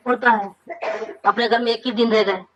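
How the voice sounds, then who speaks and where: A man's voice: very high voice, fairly even intonation, moderate pace, background noise. Male spiritual teacher, conversational discourse, rhetorical questions, muffled lo-fi sound. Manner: conversational, asks rhetorical questions and answers them. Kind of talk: informal scripture discourse.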